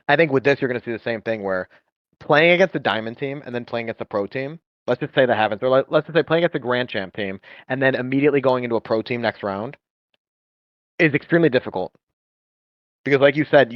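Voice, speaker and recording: A man, an esports coach, chatting on a podcast in an animated way and acting out what players say. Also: mid-range voice, no room sound, muffled recording. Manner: animated storytelling, acts out players' voices. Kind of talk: casual podcast chat.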